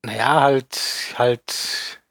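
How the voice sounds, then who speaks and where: A man's voice: medium pitch, fairly even intonation, very slow, creaky, fairly bright tone, no echo. A man co-hosting a podcast in casual, joking conversation. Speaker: podcast co-host.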